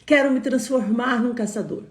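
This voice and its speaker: A woman's voice: fairly high pitch, moderate pace, natural voice. A woman voicing a timid mouse from a fable who is always afraid and keeps wishing to become something else, in an echoey room. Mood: fearful.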